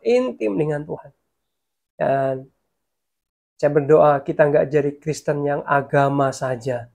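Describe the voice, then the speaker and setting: Gravelly guy preaching, fairly high voice, gets loud when he prays. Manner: lively preaching, swells loud in prayer. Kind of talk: online sermon and prayer.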